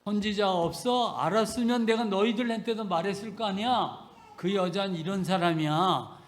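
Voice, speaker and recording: A man's voice: high voice, moderate pace, lightly acted. A male preacher voicing God rebuking his people in a sermon, with blunt, scolding questions. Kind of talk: sermon with voiced scripture.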